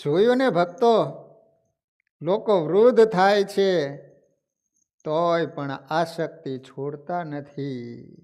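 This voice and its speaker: A man giving a devotional discourse, telling stories to his listeners with a lively voice that rises and falls. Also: on the high side, slow, pauses often. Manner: lively storytelling, voice rising and falling with the tale. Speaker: religious storyteller.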